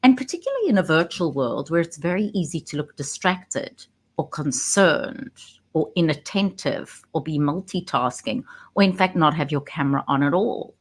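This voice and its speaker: Low-pitched woman coach talking into her webcam, leans hard on key words. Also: big pitch swings, slightly rough. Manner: emphatic, stresses key words with pauses. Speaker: communication coach. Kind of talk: direct-to-camera talk.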